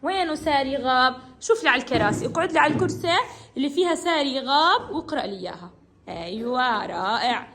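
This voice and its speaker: High-pitched, expressive, fast, and a bit bright, a woman kindergarten teacher plays a reading game with the children in her classroom, calling on them by name and praising and encouraging them often. There's slight background noise.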